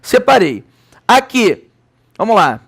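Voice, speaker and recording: A Brazilian man teaching a Portuguese grammar lesson, lively, asking rhetorical questions and answering them himself. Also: sits high, takes it slowly, creaky. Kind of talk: recorded classroom lecture.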